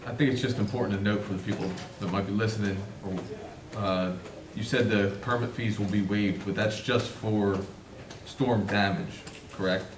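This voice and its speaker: A man's voice: lowish voice, fairly even intonation, moderate pace. A councilman asking careful, clarifying questions at a meeting. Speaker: council vice president. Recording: echoey room, far mic, noisy.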